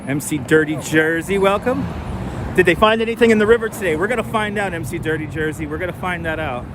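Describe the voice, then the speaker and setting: A New York City man with a mild local accent hosts a casual live stream while walking city streets, talking fast in a higher-pitched voice. He chats and thinks aloud to viewers with many fillers and restarts, recorded on a wireless clip-on mic over faint street traffic.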